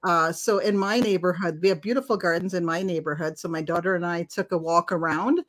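A woman's voice: fairly low pitch, steady tone, brisk, a bit bright. A woman co-hosting a podcast, chatting casually about her weekend and laughing easily. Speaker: podcast co-host. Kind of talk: casual chat.

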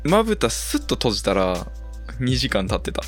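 A man's voice: mid-range voice, huge pitch swings, normal speed, soft background music. A man co-hosting a casual net radio show, chatting informally. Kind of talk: casual chat.

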